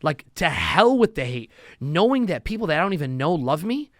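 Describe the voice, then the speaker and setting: Male podcast guest, chatty and animated, acts out quotes, dry close sound. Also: a little high, brisk, no room sound. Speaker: podcast guest, loan officer. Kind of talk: casual conversation.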